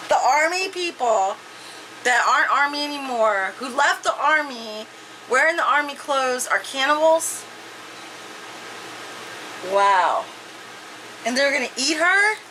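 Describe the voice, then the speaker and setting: A woman with a high, bright, sharp voice reads a story aloud and chats about it between passages. She is animated and jokey and exclaims often. A faint hiss of noise sits behind her. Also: measured pace, pauses often, rough recording. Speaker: host reading a viewer's story. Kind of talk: casual read-aloud and discussion.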